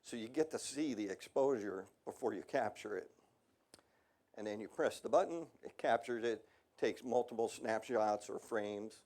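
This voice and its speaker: An American man presents on industrial radiography at a technical seminar, speaking casually and conversationally with frequent ums and asides. His lowish, darkish voice moves at a moderate pace and sounds slightly worn.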